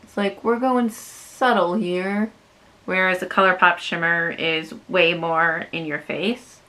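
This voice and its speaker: A woman's voice: on the low side, fairly even intonation, takes it slowly, bright, forceful tone. A young woman vlogging a casual makeup review, chatty and self-deprecating with lots of fillers. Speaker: beauty vlogger.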